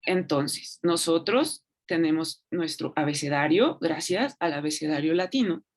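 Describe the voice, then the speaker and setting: Female lecturer, somewhat low pitch, relaxed explanatory delivery full of fillers and tag questions. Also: unhurried. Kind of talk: online lecture on Latin pronunciation.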